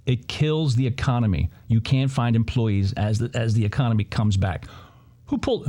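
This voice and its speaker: A male commentary host from New Jersey with a lively, swooping voice. He rants sarcastically, jumping between mockery and exasperation. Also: on the high side. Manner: sarcastic, heated, mocking asides. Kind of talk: opinionated political commentary.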